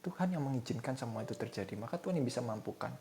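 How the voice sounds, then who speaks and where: A man's voice: medium pitch, expressive, rapid-fire, slight background noise. A man giving a sermon in a casual, conversational way, speaking straight to his listeners. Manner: casual conversational preaching, addresses listeners as "saudara". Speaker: preacher. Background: soft instrumental music.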